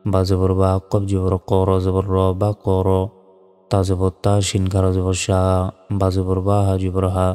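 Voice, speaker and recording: Deep slow-spoken male Quran teacher. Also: completely flat delivery, mellow, clear, resonant tone, long reverb tail, soft background music. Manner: slow, syllable-by-syllable spelling with drawn-out recitation. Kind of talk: spelling out and reciting Arabic verses.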